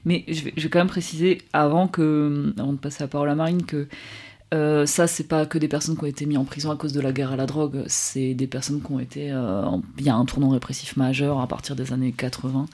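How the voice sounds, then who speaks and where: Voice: mid-range voice, little pitch movement, fast, darkish tone. A radio co-host in the studio who asks questions and explains. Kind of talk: radio talk segment.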